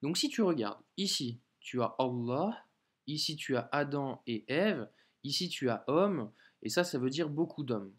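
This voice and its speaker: A man teaching how to read Arabic letters, talking the viewer through examples patiently and sounding out each syllable slowly. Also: medium pitch, lively intonation, slightly rough. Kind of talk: slow step-by-step lesson.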